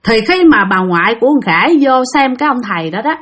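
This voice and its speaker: A woman's voice: fairly high pitch, very animated, fast talker, fairly bright tone. Southern Vietnamese woman telling a ghost story. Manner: chatty, addresses listeners directly. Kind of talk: casual spoken ghost story.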